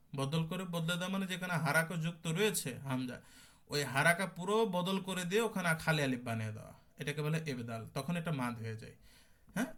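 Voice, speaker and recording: Young male tajweed teacher, fairly high voice, patient and repetitive, models each sound slowly. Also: fairly bright tone. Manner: explains slowly, drawing out and repeating sample sounds; asks and answers his own questions. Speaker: Quran recitation teacher. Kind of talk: online tajweed class.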